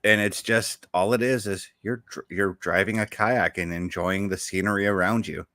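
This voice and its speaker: A man's voice: on the low side, steady tone, normal speed, pushed and bright, dry recording, studio quality. A man hosting a casual podcast chat about video games, talking enthusiastically and rambling, often backtracking mid-sentence. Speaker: show host.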